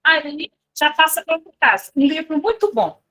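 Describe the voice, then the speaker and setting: High-pitched woman chatting through a spiritual talk, lots of little asides to the group. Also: animated, moderate pace, pushed and bright. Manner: chatty, storytelling with filler tags and asides to listeners. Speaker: lay speaker at a spiritist center.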